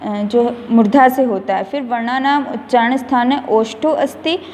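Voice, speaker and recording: A woman teacher gives a slow, careful classroom explanation. She reads out textbook lines, then explains them simply, with frequent pauses and fillers. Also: on the high side, darkish tone, long reverb tail, a little hiss or hum. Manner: recites letters one by one in a slow, measured way. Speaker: school teacher.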